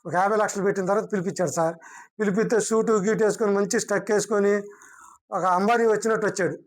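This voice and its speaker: A man with a high voice speaks fast and urgently to a reporter. He recounts being cheated, addressing the reporter politely as sir. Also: fairly even intonation. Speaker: fraud victim.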